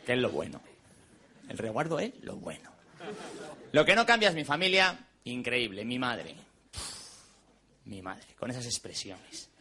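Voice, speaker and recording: A man performing a stand-up monologue on stage, delivering quick deadpan punchlines and mimicking his relatives. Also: mid-range voice, crowd noise. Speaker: stand-up comedian. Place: stage before a live audience. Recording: stage recording with audience laughter and noise.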